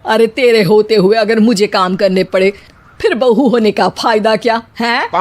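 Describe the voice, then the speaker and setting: Woman doing bossy saas in a hindi cartoon, high voice, sarcastic, scolds a lot but scares easy. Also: normal speed, darkish tone, lightly acted. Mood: sarcastic scolding. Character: bossy, sarcastic, easily frightened middle-aged Indian mother-in-law. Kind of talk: cartoon voice acting.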